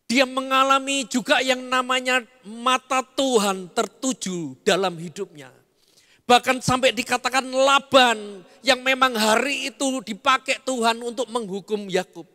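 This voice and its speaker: Man, middle-aged pastor, animated sermon, bright sharp tone, long hall echo. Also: very high voice, a little slow. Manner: animated preaching with bursts of emphasis and asides to the congregation. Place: church hall. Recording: long church hall reverb.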